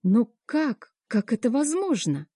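A woman reads a first-person story aloud, dramatic and full of feeling. Her voice is mellow and warm. The sound is dry and close-miked. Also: on the high side, very animated, takes it slowly, husky, dry recording. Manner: emotional, dramatic reading. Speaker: audiobook narrator.

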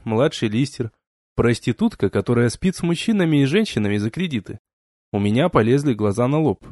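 A man reading a first-person novel aloud as an audiobook, with expressive narration. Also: fairly high pitch, no room sound, studio quality. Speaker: audiobook reader.

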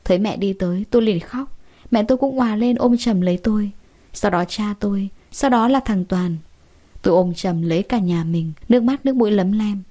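A woman telling a first-person story, emotive and chatty. Her voice is dark and mellow, with a steady middle pitch. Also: fairly quick.

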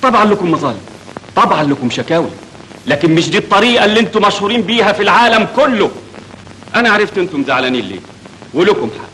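A dignified young Egyptian factory director making a measured speech to his workers. His voice is bright and slightly high, and he moves quickly. A faint hiss from the old film runs underneath. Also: low-quality recording. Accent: Egyptian Arabic. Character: dignified young engineer addressing workers, calm.

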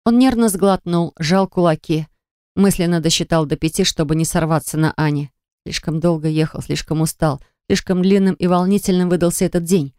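A woman's voice: lowish voice, fairly even intonation, brisk, mellow, clean tone, no room sound, clean studio sound. A woman reading a novel aloud as an audiobook narrator, telling it evenly and dramatically.

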